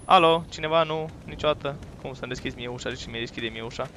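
A man giving loud, profane let's play commentary on a horror game, talking to his viewers and yelping at scares. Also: medium pitch, slight background noise. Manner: jumpy, profane, loud outbursts; talks to viewers while playing. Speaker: gaming YouTuber.

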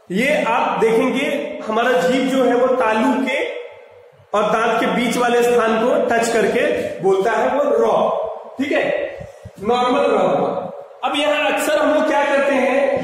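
A man with a very high voice teaches pronunciation, patiently sounding out words one by one and addressing his viewers as friends. He is heard from far off the mic in a strongly echoing room with a long reverb tail. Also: a little hiss or hum. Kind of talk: pronunciation lesson.

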